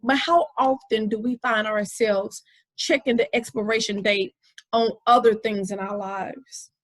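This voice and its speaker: A woman in her forties hosts her own podcast, casually telling a story with many fillers in an inspirational, conversational talk. Her voice is on the high side, with fairly even intonation and a measured pace. The recording is rough, with no room sound.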